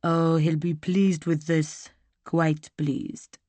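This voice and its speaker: A woman voicing a gruff, blunt male smuggler in a slow, coarse drawl for an audiobook. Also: low-pitched, level tone, warm tone, no echo. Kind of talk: audiobook character voice.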